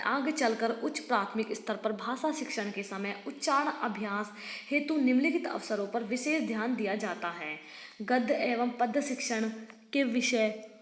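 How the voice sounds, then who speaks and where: A woman teacher reading exam study notes aloud, with small slips and restarts and chatty asides to her students. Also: on the high side. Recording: echoey room with long reverb.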